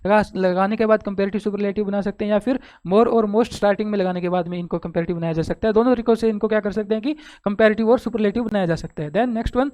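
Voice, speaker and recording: A teacher with an Indian accent explaining a grammar lesson step by step, asking and answering her own questions and reading the rules out slowly. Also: mid-range voice, darkish tone. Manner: reads English rules slowly from a text.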